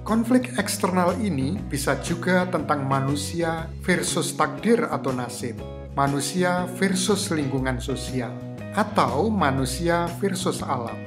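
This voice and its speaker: A screenwriting tutorial host with a medium-pitched, animated and slightly slow voice delivers scripted, didactic instruction, posing rhetorical questions to the listener. Guitar music plays in the background.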